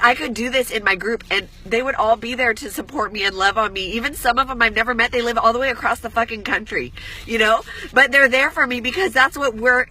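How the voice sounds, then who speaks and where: A woman's voice: bright, forceful tone, husky. A woman fitness coach on a live stream, tearful and crying as she talks to her followers, rambling earnestly with lots of swearing and "like" fillers. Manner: voice rises high when emotional.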